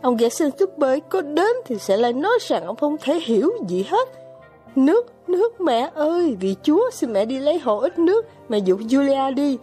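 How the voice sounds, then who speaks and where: A woman voicing a shrill, bossy feverish young girl. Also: sing-song, normal speed, faint music behind. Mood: urgent commanding. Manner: urgent, bossy, near-shouting pleas. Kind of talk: audiobook character voice.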